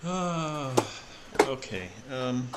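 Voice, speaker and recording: A man's voice: medium pitch, expressive, drawn-out words, heavy background noise. A man playing a tabletop game, thinking aloud hesitantly with fillers. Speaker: player.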